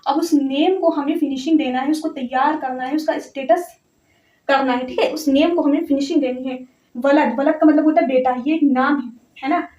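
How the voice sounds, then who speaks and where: A woman teaching a grammar lesson step by step, patient, repeating words slowly and often checking that her students follow. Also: sits high, steady tone, darkish tone. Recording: echoey, distant, slightly dull audio.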